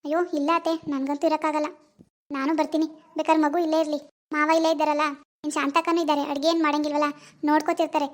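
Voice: high-pitched, level tone, racing, close to an everyday voice. A voice actor doing an earnest young daughter-in-law. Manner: eager and earnest.

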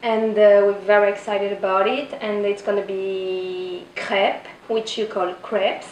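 A woman with a French accent, a guest in a casual chat, speaking English haltingly and searching for words. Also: mid-range voice, flat delivery, a little mellow, roomy sound, distant mic, slight background noise, low-quality recording. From France. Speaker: guest, food truck owner.

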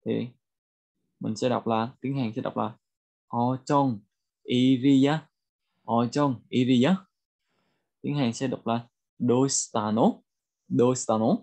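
A man with a Vietnamese accent teaching a bilingual vocabulary lesson, repeating each phrase slowly for learners. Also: mid-range voice, fairly even intonation, vocal fry, darkish tone. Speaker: language teacher.

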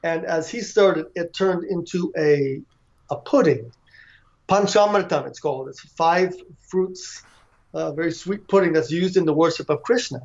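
A man telling a long story in conversation, loose and relaxed, with frequent fillers and restarts. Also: on the high side, normal speed, lo-fi sound. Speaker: author and devotee.

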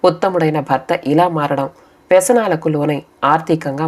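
Low-voiced woman telling a story. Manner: steady storytelling. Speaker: audiobook narrator. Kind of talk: scripted story narration.

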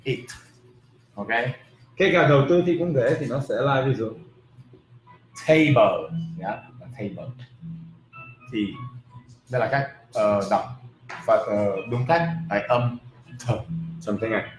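A man teaching English pronunciation in a casual video lesson, repeating example words slowly and with emphasis. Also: mid-range voice, faint music behind. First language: not Vietnamese. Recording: roomy with faint background noise.

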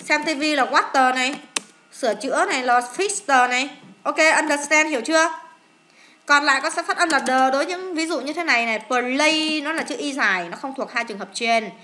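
Bright high-voiced Vietnamese woman teacher. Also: a little fast, a little hiss or hum. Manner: lively, coaxing, asks questions and answers them herself. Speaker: English teacher. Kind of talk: classroom-style lesson explaining an exam.

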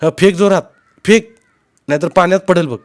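A man voicing a gruff middle-aged village uncle in a spoken storybook, shouting orders across a stream. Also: mid-range voice, sing-song, moderate pace, natural voice. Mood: commanding. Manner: loud, commanding calls.

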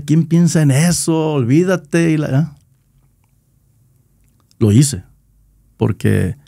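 A middle-aged man with a Nayarit Mexican Spanish accent recalls how he founded his band, talking in a loose, slangy way. He repeats and restarts words as he goes. His voice is mellow and warm, and the recording is dry and close. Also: medium pitch, creaky, no room sound. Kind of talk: casual storytelling interview.

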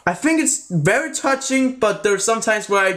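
A man giving a casual spoken review of a video, halting and often restarting his sentences, with a voice that mixes American and British sounds. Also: sits high, lively intonation, a bit bright.

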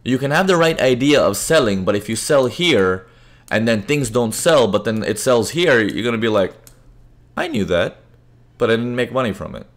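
A man of Indian parentage who grew up in various countries runs a live trading webinar, discussing charts in a relaxed, conversational style and often checking in with viewers as chat questions arrive. His medium-pitched voice has lively intonation at a normal speed.

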